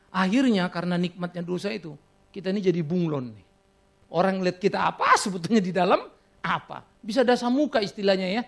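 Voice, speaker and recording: A man's voice: high voice, gravelly. A middle-aged man with a Batak accent preaching a sermon, telling stories and teasing his congregation. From Indonesia. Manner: storytelling, teasing the congregation, breaks into laughter. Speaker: pastor.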